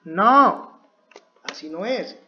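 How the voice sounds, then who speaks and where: A woman's voice: medium pitch, lively intonation, very slow, lo-fi sound. A woman teaching English grammar, speaking patiently and checking in often with her listeners. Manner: patient, repetitive, asks "¿cierto?" often. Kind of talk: slow, drilled grammar lesson.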